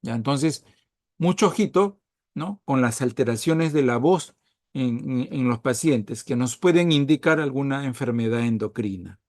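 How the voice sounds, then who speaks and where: A man's voice: mid-range voice, animated, measured pace, a little mellow, no echo, clean studio sound. A man giving a recorded medical lecture, checking on his listeners with frequent tag questions and stressing key words.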